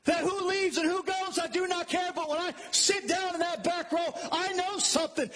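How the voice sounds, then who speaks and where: A man preaching a fervent sermon, swinging between shouted peaks and quiet, low intensity. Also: big-room sound.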